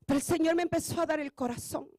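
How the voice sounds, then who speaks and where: Very high-voiced woman pastor preaching. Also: fast talker, no echo. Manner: impassioned preaching that rises to shouts. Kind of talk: sermon.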